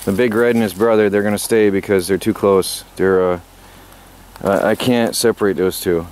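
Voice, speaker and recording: A man's voice: lowish voice, fairly even intonation, normal speed, darkish tone, slight background noise. A man out of breath, talking casually to a handheld camera outdoors on his homestead, rambling with many fillers. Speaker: homestead vlogger. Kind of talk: casual vlog chat. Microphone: handheld camera mic.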